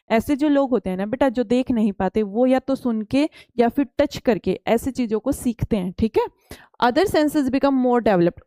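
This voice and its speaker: A woman science teacher explaining slides to children, reading the lines slowly and then talking them over in Hindi. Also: fairly high pitch, dark tone, dry recording, poor audio. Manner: calls students beta and asks them questions. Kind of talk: classroom lesson explaining slides.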